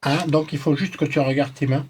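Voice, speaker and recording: A man with a fairly high-pitched voice gives spiritual readings in a chatty register. He is informal and likes to joke and tease. A faint noise sits behind his voice. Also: little pitch movement, brisk. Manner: informal, joking, teasing. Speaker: numerologist guest giving readings to callers.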